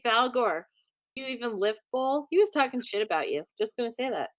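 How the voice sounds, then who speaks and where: High, lively woman teasing at a game table. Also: fairly quick, no room sound. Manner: teasing, laughs often. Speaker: player.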